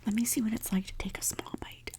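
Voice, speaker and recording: A woman speaking in a soft, whispery ASMR voice, chatting casually and telling a story while she eats at home. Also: fairly high pitch, steady tone. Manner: whispery, soft and unhurried, with frequent small laughs. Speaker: ASMR creator. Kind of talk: soft-spoken ASMR mukbang.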